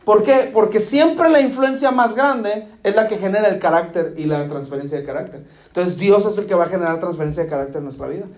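High-voiced pastor preaching. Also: male voice, brisk, few pauses, a little mellow. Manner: asks the congregation "¿Está conmigo?" again and again; acts out short dialogues with playful humor. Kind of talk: sermon. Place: church hall. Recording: echoey church hall.

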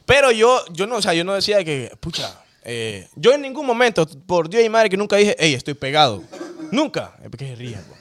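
Lively, quick-talking young man. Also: high voice. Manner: rambling anecdotes with quoted voices, many fillers. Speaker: podcast guest. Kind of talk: casual chat, storytelling.

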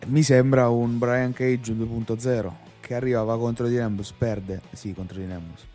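A man giving opinions as a co-host in a casual chat, hesitant, low-key and resigned. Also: fairly even intonation, normal speed, dark tone. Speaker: podcast co-host. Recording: muffled lo-fi audio with music behind.

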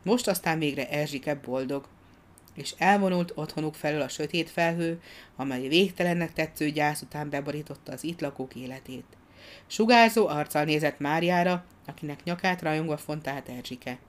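Low-voiced woman reading a story, expressive and measured. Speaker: narrator. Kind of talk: audiobook narration.

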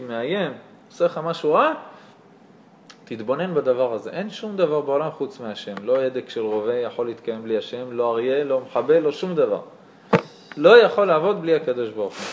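A man teaching an animated religious lesson to a class, asking rhetorical questions and telling stories. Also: a little high, dull audio, a little hiss or hum. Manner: lively, asks rhetorical questions, tells stories. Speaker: Torah teacher.

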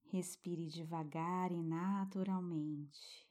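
Slow, soothing Brazilian woman, sleep story narrator. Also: on the low side, steady tone. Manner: gentle, hushed, breathy pauses, tender diminutives. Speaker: children's meditation guide and narrator.

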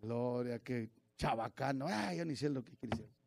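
A man, preaching a sermon as pastor, swinging from shouted preaching to low confiding asides. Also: lively intonation, normal speed, gravelly, no room sound.

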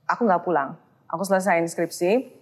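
A woman's voice: lowish voice, moderate pace, a little mellow. A woman in her forties with a Surabaya Indonesian accent, telling a personal story as an interview guest, emotional and slipping into English phrases. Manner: emotional, mixes English phrases, acts out quoted voices.

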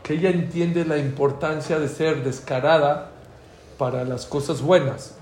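Lively Mexican man teaching a class. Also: on the high side, measured pace. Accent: Mexican Spanish. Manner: lively storyteller, acts out dialogue. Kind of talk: informal religious class talk with anecdotes. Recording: echoey room with faint ambient noise.

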